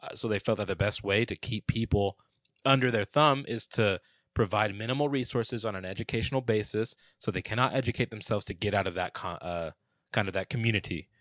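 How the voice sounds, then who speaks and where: A man's voice: on the low side, fairly quick, fairly bright tone, no room sound. A man in casual chat, talking earnestly and thoughtfully, explaining his views.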